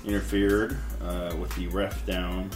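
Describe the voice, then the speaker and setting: A low-pitched man co-hosting a casual chat show, walking through events with plain, halting "uh"s. His voice sits in a roomy space with music clearly underneath. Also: flat delivery. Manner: matter-of-fact recapper with many "uh"s. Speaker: podcast co-host recapping wrestling.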